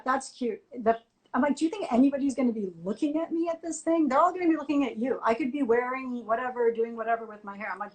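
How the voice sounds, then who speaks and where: Animated woman telling a story. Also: a little high, poor audio. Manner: animated anecdote-telling, acts out both sides of quoted dialogue, frequent "like". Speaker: interview guest, music journalist. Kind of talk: casual storytelling on a live video chat. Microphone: phone or laptop on a video call.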